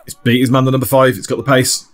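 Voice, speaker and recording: A man giving relaxed, chatty commentary over an amateur football match, often laughing. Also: mid-range voice, fast talker.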